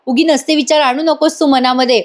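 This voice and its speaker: A woman voicing a calm, stern middle-aged man who firmly tells his wife to settle down. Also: high voice, brisk, close to an everyday voice. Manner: firm, calming.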